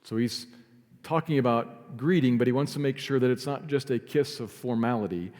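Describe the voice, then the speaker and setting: A man preaching a sermon as pastor, earnest, sometimes dropping to a soft, quiet emphasis. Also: medium pitch, moderate pace, in a large hall. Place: church sanctuary.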